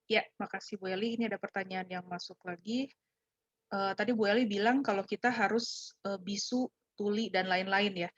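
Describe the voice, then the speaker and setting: A woman's voice: medium pitch, steady tone, normal speed, no room sound, muffled recording. A woman moderator reading out audience questions in a hesitant way with fillers. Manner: hesitant, with filler "eh" between phrases. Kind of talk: hosting a Q&A.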